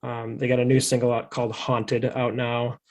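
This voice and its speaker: A man's voice: medium pitch, completely flat delivery, normal speed. A man from Fargo hosting a podcast, chatting in a rambling, easygoing and jokey way. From Fargo, North Dakota. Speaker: podcast host. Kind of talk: casual podcast chat.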